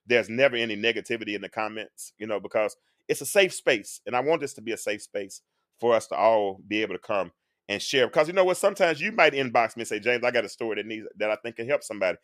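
Speaking quickly with lively intonation, a man in his forties hosts a live-stream talk where he's the one being interviewed. His voice sits on the low side and is a bit bright; he preaches earnestly and sometimes sings a line. Clean studio audio, no room sound.

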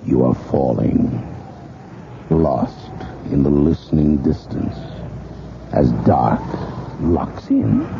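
Gravelly, ominous horror narrator. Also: male voice, very deep voice, exaggerated voice. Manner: slow, brooding, dramatic delivery. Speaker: series narrator and host. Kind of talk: 1980s radio drama narration. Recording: muffled old radio broadcast with hiss.

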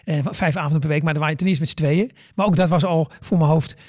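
A middle-aged stand-up comic tells anecdotes in relaxed conversation, speaking quickly in a somewhat high, slightly mellow voice with fairly even intonation. He stammers, restarts, repeats words, and acts out what he once said, captured dry with clean studio sound.

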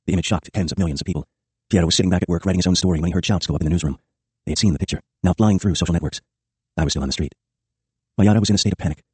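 Rapid, husky-voiced male memoir narrator. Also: low-pitched, a little mellow, no echo. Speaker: audiobook narrator. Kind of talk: scripted first-person memoir narration.

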